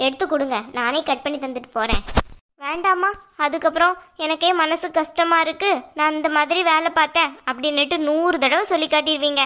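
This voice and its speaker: High, bright cartoon sister-in-law, voiced by a woman, sarcastic, Kanyakumari Tamil accent. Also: fairly quick. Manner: sarcastic, scolding.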